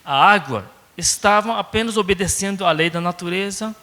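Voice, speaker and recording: A man's voice: high voice, normal speed, pushed and bright, long reverb tail. A man from Japan with a Japanese accent preaching a sermon in a conversational way, often adding little tag questions. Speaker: pastor. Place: church sanctuary.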